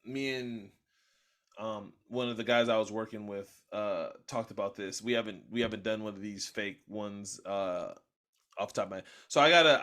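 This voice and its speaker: A young man with a bright, forceful voice hosts a casual podcast conversation. He talks with plenty of filler and restarts, then gets loud and animated when he argues his point. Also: mid-range voice. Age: young adult. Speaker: podcast host. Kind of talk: casual chat.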